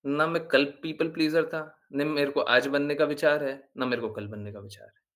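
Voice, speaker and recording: Man, devotional class talk, earnest, insistent, repeats himself for emphasis, slightly higher voice. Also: steady tone, normal speed, a bit bright. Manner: mixes English words into speech. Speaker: spiritual teacher.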